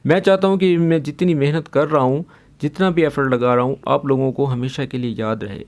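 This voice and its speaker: A man's voice: medium pitch, steady tone, fairly quick, a little mellow. A young man, teaching a casual language lesson and patiently repeating each word several times. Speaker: Arabic teacher.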